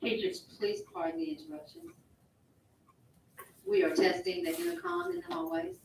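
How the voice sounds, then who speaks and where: A woman making a formal announcement over a school intercom loudspeaker, heard from a distance. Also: extremely high pitch, little pitch movement, moderate pace. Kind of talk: public address announcement. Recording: echoey distant intercom speaker with faint noise.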